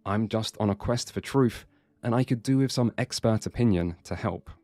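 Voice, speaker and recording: Low-voiced man narrating a video essay. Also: moderate pace, a little mellow, no room sound. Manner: dry, sardonic. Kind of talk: scripted narration.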